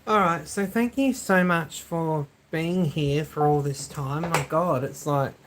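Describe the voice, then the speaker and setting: A live streamer, a woman with a very low voice, talking slowly and easily to her chat between reactions. The faint hum of noise sits behind her voice. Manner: relaxed, chatty with viewers.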